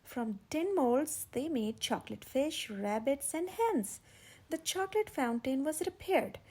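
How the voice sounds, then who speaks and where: In an unhurried, high-pitched, breathy voice, a woman hosting storytime reads a children's story aloud. Her animated narration is expressive, with dramatic emphasis.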